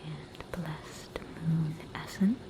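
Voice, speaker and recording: With a voice that sits low and keeps a fairly even intonation, an Australian woman whispers her way through an ASMR scene as a witch doctor. She comes across as soothing and reassuring, slow-paced, and just faintly haughty.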